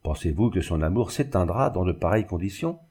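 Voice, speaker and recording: A man's voice: low voice, lively intonation, brisk, dark tone, slightly rough, full character voice. An older mother, anxious and tender, voiced by a man reading an audiobook, pleading earnestly.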